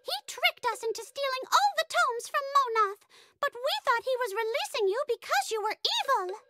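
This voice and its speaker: Minnie Mouse, extremely high and squeaky. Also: female voice, lively intonation, normal speed, background noise. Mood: indignant, explaining. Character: small spirited, sensible female cartoon mouse. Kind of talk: cartoon game voice acting.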